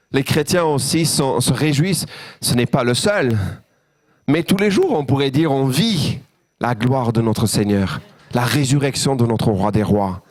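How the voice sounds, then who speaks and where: Slow-speaking pastor preaching to his congregation. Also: mid-range voice, dry recording. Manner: joyful, interacts with the congregation. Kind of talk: sermon. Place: church.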